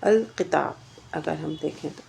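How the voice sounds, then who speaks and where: A woman's voice: mid-range voice, vocal fry, warm tone, slight background noise. A woman teaching a grammar lesson, explaining step by step and asking questions that she then answers herself. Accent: Indian Urdu.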